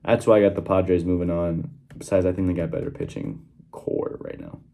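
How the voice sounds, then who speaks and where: A channel host recorded on his phone in a small workroom at home gives sports predictions in a casual, one-take vlog. His voice is low, mellow, and steady, with vocal fry and a slightly fast pace, and his conversational delivery is full of fillers and restarts.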